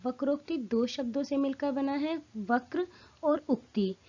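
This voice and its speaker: A woman teaching a Hindi grammar lesson in a clear, explanatory way, stressing her example lines. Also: on the high side, warm tone, dull audio.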